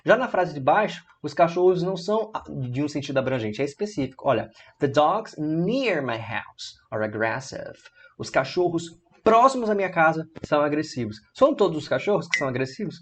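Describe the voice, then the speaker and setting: A man with a Brazilian Portuguese accent teaches English grammar online, walking through each rule step by step and reading the English examples slowly. He often checks in with "tá?" and "né?". His voice is fairly high, with big pitch swings.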